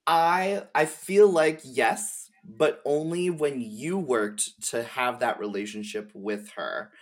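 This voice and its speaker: A podcast guest who streams chats casually in a medium-pitched voice, speaking slowly. The talk is friendly, gushing, and full of slang.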